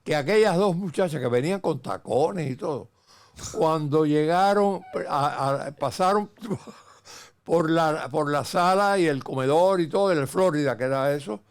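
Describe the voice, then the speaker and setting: An older man, a grandfather hosting a casual family chat, telling stories with animated energy and many restarts. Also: fairly high pitch, a little slow. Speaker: podcast host, grandfather.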